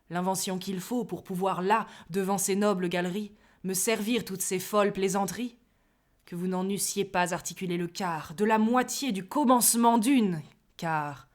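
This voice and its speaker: A woman's voice: on the low side, fairly even intonation, moderate pace, close to an everyday voice. A woman playing a proud, witty, mocking swordsman, reciting theatrical verse in a hammy, declamatory stage manner with shifting tones. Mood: scornful, proud.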